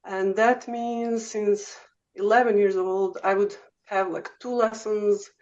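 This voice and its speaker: A guest oboe professor with a Serbian accent tells her story in a casual interview, chatty and quick to laugh, with frequent "um" and "uh." Her middle-pitched voice is a little mellow with fairly even intonation. The audio sounds slightly muffled and lo-fi.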